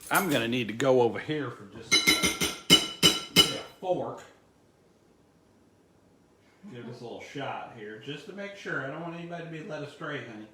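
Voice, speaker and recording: A man's voice: medium pitch, lively intonation, brisk, heavy background noise. A man hosting a casual cooking demonstration, folksy and easygoing, with homespun phrases. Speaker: cooking show host. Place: home kitchen. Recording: echoey kitchen, mic far off.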